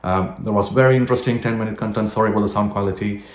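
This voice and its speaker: A man's voice: lowish voice, fairly even intonation, racing, reverberant. A man hosting and introducing a webinar clip, talking in a hesitant way with many fillers, his voice sounding re-recorded through a speaker. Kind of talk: unscripted spoken introduction.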